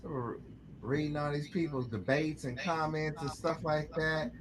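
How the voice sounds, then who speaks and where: A man's voice: on the high side, fairly even intonation, normal speed, crowd noise, rough recording. A man hosting a casual online chat, laid-back and rambling, swearing offhandedly.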